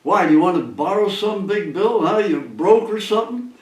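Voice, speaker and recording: A man voicing a big, brash gambler with a croaking, booming voice. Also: animated, normal speed, far from the mic. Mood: cocky. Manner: yelling, cocky. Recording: roomy, from off the mic.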